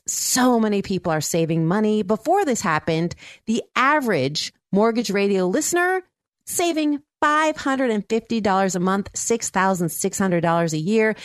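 A woman's voice: medium pitch, no echo. A woman hosting a mortgage radio show from her home studio, chipper and chatty. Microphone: studio mic.

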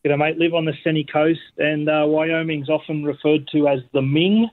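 A man's voice: fairly high pitch, steady tone, normal speed, no echo. An Australian man calling a radio show, telling a casual anecdote over the phone. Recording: narrow telephone line on radio.

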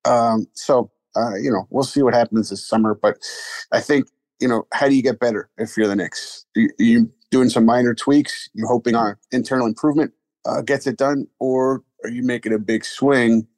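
Man with a measured reporter's voice. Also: mid-range voice, steady tone, a little mellow, no room sound, low-quality recording. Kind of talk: casual sports talk.

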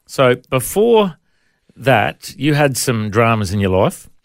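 A man's voice: mid-range voice, big pitch swings, takes it slowly, gravelly, no echo, studio quality. A man with an Australian accent hosting a conversational interview. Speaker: interview show host.

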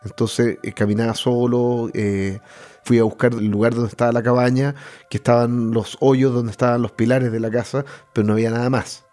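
A man's voice: mid-range voice, level tone, warm tone, soft background music. A man with a Chilean accent giving personal testimony, often breaking off and restarting his phrases. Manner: halting, restarts mid-phrase. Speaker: interviewee.

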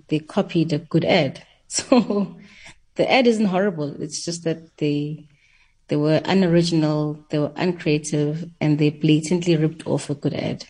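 Husky, lower-pitched woman. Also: a little mellow. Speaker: guest advertising expert. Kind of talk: conversational radio analysis.

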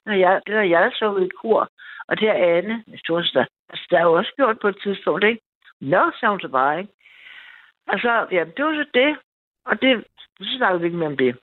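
Over a tinny phone line, a woman calls a night radio show to share a personal story. Her medium-pitched voice is expressive, and she rambles eagerly, restarting often.

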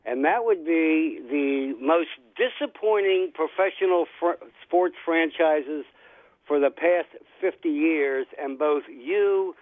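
An older man calling in to a radio show over a landline phone, speaking haltingly with many "uh" fillers and a wry, tongue-in-cheek tone. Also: a little high, dry recording. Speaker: caller. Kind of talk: call-in chat on a sports radio show. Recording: narrow tinny landline phone line.

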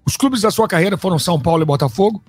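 Casting: male Brazilian sports interviewer, casual and high-pitched, dry studio-close sound. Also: lively intonation, racing, darkish tone, husky, no room sound, soft background music. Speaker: sports interviewer and match narrator.

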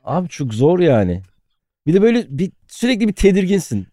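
A man co-hosting a podcast, telling playful bits in an animated, casual way. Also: high-pitched, a little fast, no echo. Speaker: podcast co-host. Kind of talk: casual comedic chat.

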